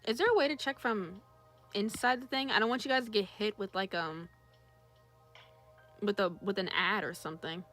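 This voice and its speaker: A woman's voice: medium pitch, normal speed, long pauses, a bit bright, soft background music. A young woman chatting casually on a drawing livestream, reading chat aloud and greeting viewers. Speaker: streamer.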